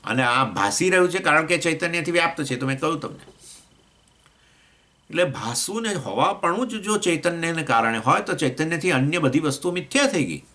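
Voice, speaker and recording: Bright-voiced man teaching scripture. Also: lively intonation, brisk. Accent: Gujarati. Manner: explains with questions to listeners, acts out voices of elements; pitch swings between raised points and low asides. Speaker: swami teaching Vedanta. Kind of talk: scripture class lecture.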